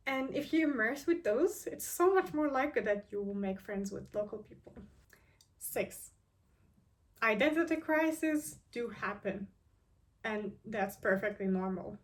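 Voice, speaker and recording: A woman's voice: a little high, distant mic. A woman of twenty-three from Turkey, talking earnestly to camera and thinking aloud, with lots of "like" and restarts. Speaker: vlogger. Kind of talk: casual reflective talk to camera.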